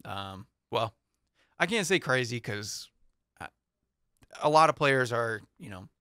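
A young man chatting about sports as a show host, his voice bright and crisp. He rambles a bit, thinking aloud with fillers and restarts. Close studio mic with a dry, dead sound. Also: medium pitch, expressive, slow pace, dry recording. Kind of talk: casual sports chat. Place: small studio with foam panels. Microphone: studio mic on boom arm, headphones.

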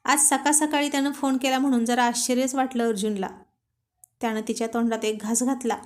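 A woman narrating a romantic storybook in a gently amused, storytelling manner. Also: high voice.

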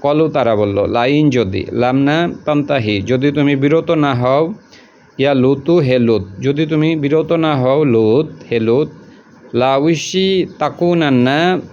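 A man's voice: medium pitch, takes it slowly, a little mellow, lo-fi sound, a little hiss or hum. A man teaching a word-by-word translation lesson, repeating each word and its meaning in a patient, colloquial way.

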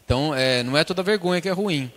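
A man, a priest, reads scripture aloud and explains it in a relaxed, conversational way, often ending phrases with a questioning "né?". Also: a little high, fast, in a large hall. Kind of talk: scripture commentary.

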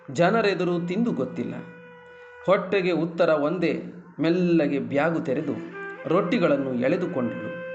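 A man reading a literary short story aloud in a measured, expressive way. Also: fairly high pitch. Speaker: story reader. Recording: dull lo-fi, faint music.

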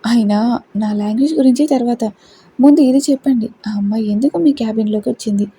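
Woman reading jealous young wife, sharp, demanding, breathy, mellow tone. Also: a little high, brisk. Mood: angry.

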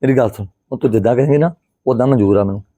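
A man playing an apologetic brother who begs his sister to calm down. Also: medium pitch, racing, dry recording, natural voice. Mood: pleading. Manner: pleading, placating. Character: apologetic younger brother, pleading.

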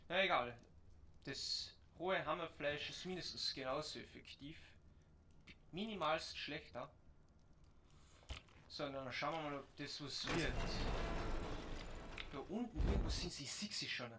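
A man from German-speaking Europe comments casually on his gameplay, mostly muttering to himself, with sudden bursts of excited swearing. His voice is very bright and sits a little high. A faint hiss of noise runs under the recording. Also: unhurried, pauses often. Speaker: let's play gamer.

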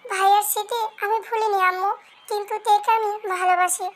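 A man's voice: very high voice, little pitch movement, fairly quick, fairly bright tone. A woman voicing a young man in love, tender and pleading. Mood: earnest.

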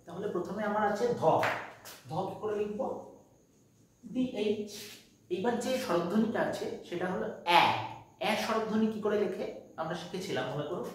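In an echoey room with the mic placed at a distance, a high-pitched man speaks at normal speed with frequent pauses. He teaches a patient, step-by-step phonetics lesson, checking in with his students along the way and asking "তাই তো?".

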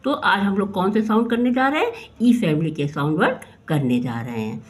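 A woman teacher, slowly sounding out letters and asking questions in a phonics lesson for children. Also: medium pitch, animated.

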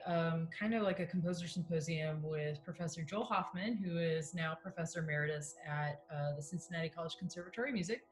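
Cooking away indoors, this chatty composer and guest talks in a mid-range, slightly bright voice, scattering fillers and asides. The casual conversation comes through a video call laptop or webcam, with kitchen echo and faint music behind her.

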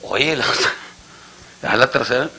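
A man's voice: mid-range voice, normal speed, vocal fry, pushed and bright, a little hiss or hum. A man with a Mexican Spanish accent telling crude jokes in a casual storytelling style, acting out each character in his story. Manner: crude slang, acts out every character.

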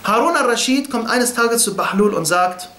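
A man's voice: very high voice, animated, normal speed, pushed and bright, roomy sound, slight background noise. A man giving a blunt, impassioned religious lecture, firing rhetorical questions and telling stories.

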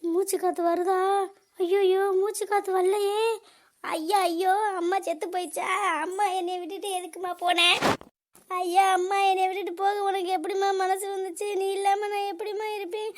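A woman voicing a wailing squeaky cartoon daughter. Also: flat delivery, fast talker, noisy background, close to an everyday voice. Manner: wailing, accusatory. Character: adult daughter Chithra, wailing and accusing. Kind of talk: cartoon comedy voice acting.

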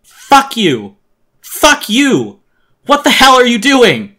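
A man's voice: very high-pitched, wildly swooping pitch, slow pace, bright, forceful tone, voice pushed up, heavily acted. A man voicing a terrified, furious eight-year-old boy who screams frantic accusations in a dramatic reading of a horror story. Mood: screaming.

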